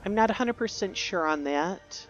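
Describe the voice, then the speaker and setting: A woman's voice: mid-range voice, lively intonation, normal speed, dull audio, soft background music. A woman giving casual, rambling commentary while playing a video game, musing aloud and correcting herself. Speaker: gaming youtuber.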